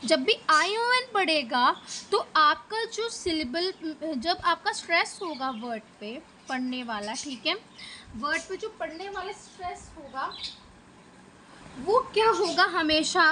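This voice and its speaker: A woman's voice: extremely high pitch, pushed and bright, a little hiss or hum, poor audio. A woman teacher from Punjab, India, with an Indian English accent, explaining a lesson step by step and often checking in with "okay". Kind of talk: exam-prep lesson.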